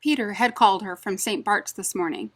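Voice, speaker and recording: A woman reading a cozy mystery audiobook in scripted narration, with steady storytelling delivery. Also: mid-range voice, fairly quick.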